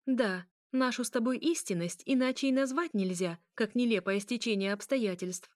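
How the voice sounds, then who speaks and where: A woman voicing a fiery, exasperated young female vampire princess who shouts and pleads. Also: expressive, unhurried, dry recording, studio quality. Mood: angry. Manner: shouting, pleading, high-strung.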